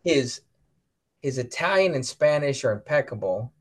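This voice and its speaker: An American man co-hosting a casual talk show, animated and playful, acting out quotes. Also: mid-range voice, moderate pace. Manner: animated, playful, acts out quotes in silly voices. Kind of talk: casual chat.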